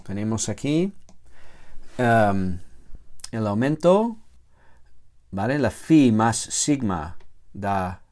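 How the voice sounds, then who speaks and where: A man teaching a grammar lecture, slow and halting, with many self-corrections and filler sounds, drawing out the word forms he spells. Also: lowish voice, lively intonation, darkish tone. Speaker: theology teacher.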